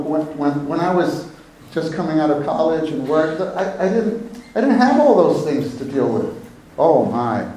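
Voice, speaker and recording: A man preaching a sermon at a pulpit microphone, slow and emphatic, often repeating his phrases. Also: fairly high pitch, a little mellow. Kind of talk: sermon to a congregation. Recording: echoey hall with faint room noise.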